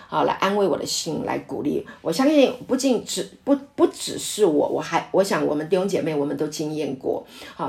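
A middle-aged woman pastor teaching a Bible study in an earnest, personal way, often pausing on "ah" fillers. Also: lowish voice, gravelly, darkish tone. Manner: earnest, filler-heavy with frequent "ah", testimony-driven.

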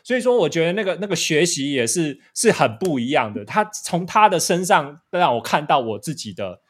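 A man talks through his thoughts in a relaxed, conversational way. He often stops and restarts mid-phrase as he searches for the right words, and his voice sits at a medium pitch. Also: breathy edge. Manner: reflective, restarts often, laughs along. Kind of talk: casual chat.

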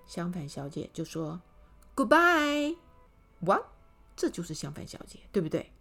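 A woman reading a children's storybook aloud, animated and speaking directly to the little listeners. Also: low voice, a little fast, gravelly, husky, faint music behind.

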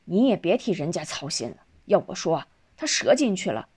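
Impatient snappy younger guy, a woman reading him, blunt and scornful, pitch jumps around. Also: big pitch swings, normal speed, darkish tone, slightly rough.

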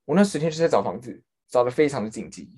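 Young male podcast host, animated storyteller, quick, pitch jumping all over. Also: slightly rough. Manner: animated storytelling, acting out quotes, laughing often. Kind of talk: casual chat.

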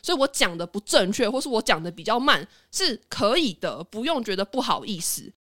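A young adult woman with a Taiwanese Mandarin accent, telling stories in an animated, chatty way as a podcast host and laughing easily. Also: fairly high pitch, brisk, no echo, studio quality. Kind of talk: casual storytelling chat.

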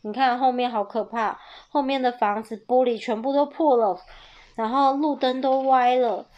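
A woman reads a picture book aloud to young listeners with playful, animated delivery. Her voice sits a little high, and she rises into loud bursts whenever a character shouts. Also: moderate pace, highs cut off. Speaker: storyteller reading a picture book to children.

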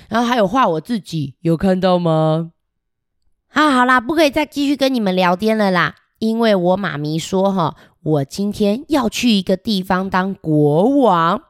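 A boastful, giggly little boy heading off to kindergarten, voiced by a woman reading a picture book aloud. He chats playfully and directly with the children listening. The voice sits at a middle pitch, and the sound is close and dry. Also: no echo, close to an everyday voice. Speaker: storybook reader.

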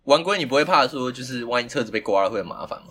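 Lively Taiwanese Mandarin man, laughing storyteller. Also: mid-range voice, racing, breathy edge. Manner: animated, laughs often while telling a story. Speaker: podcast host. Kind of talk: casual storytelling chat.

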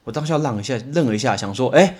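Lively male podcast teacher. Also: medium pitch. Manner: lively storytelling, repeats English words slowly for drilling. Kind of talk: casual podcast vocabulary lesson.

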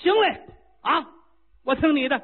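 An impetuous young prince fires off loud, eager declarations in a strained, high voice, as a male storyteller plays him. The delivery leaps about in pitch. It carries a thin, phone-like sound. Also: animated, unhurried. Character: hot-headed young male warrior prince. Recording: lo-fi phone-like recording.

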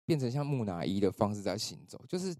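A man's voice: on the low side, fast, dry recording, studio quality. A man with a Taiwanese Mandarin accent hosting a podcast, telling a personal story in casual chat and acting out the voices of the people in it. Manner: animated storytelling, acts out quoted voices. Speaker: podcast host.

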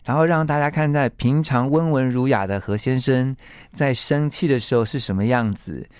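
A man with a Taiwanese Mandarin accent, a guest on a radio interview, telling a story with lively acted-out quotes. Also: medium pitch, normal speed, smooth, dry recording, clean studio sound. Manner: animated storyteller who acts out quoted lines.

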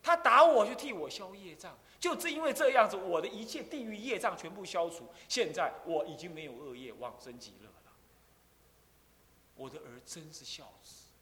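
A man doing an old mother's spirit, grateful and earnest, lively up-and-down voice, long hall echo. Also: sits high, normal speed, full character voice.

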